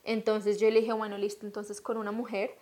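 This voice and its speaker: A woman, a podcast guest who explains her views in a measured, reflective way in casual chat. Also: mid-range voice, completely flat delivery, dark tone.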